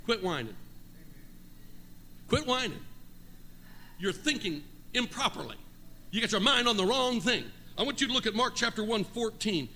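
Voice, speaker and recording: A man's voice: high voice, big pitch swings, fairly quick, pushed and bright, a little hiss or hum. An older man preaching a sermon to a congregation, calling out to them for answers and shifting between homely stories and fervent appeals. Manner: preaching with rising fervor, asks the congregation for responses. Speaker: pastor. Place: church sanctuary before a congregation. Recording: live church sound with long hall reverb.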